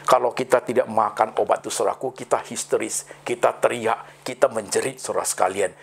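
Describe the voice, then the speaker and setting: A middle-aged man, a pastor, telling his life story in a sermon and addressing the listeners as brothers and sisters after nearly every phrase, slow and dramatic with sudden high lifts. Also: steady tone, creaky, slightly rough. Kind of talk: testimony sermon.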